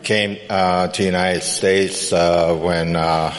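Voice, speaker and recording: A man from Iran answers questions in front of a congregation, slow and halting with frequent fillers. His voice is low. Long reverb of the sanctuary fills the space. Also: level tone. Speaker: congregation member volunteer. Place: church sanctuary.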